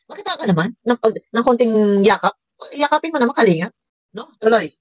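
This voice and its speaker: Woman reaction vlogger, high voice, sarcastic, laughs between jabs. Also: big pitch swings, brisk, husky, dry recording, highs cut off. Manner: scolding, sarcastic, laughs often. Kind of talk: reaction commentary.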